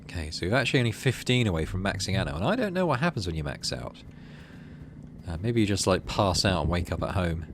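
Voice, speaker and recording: A gaming video host with a low voice does let's play commentary at a quick pace, very animated, against a noisy background. He reads the game's narration aloud and thinks through his choices in tentative asides.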